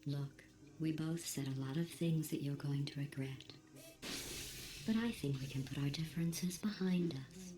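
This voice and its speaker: A woman voicing a cold, sarcastic female computer that runs a test lab, calm and insulting, with a robotic processed sound. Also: low voice, normal speed. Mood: deadpan sarcasm. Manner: deadpan, passive-aggressive, insulting in a calm even tone. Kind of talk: video game dialogue. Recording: echoey game audio with steady hum.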